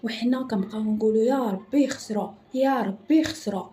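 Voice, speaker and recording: A woman's voice: a little high, quick pace, mellow, roomy sound, pitched below the performer's own voice, natural voice. A woman voicing a spiteful young Algerian man, jeering in a sing-song way. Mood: taunting.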